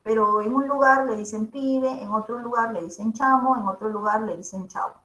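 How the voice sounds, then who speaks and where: A woman teacher, giving a linguistics lecture in a lively way and asking her class rhetorical questions often. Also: fairly high pitch, normal speed. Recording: echoey room.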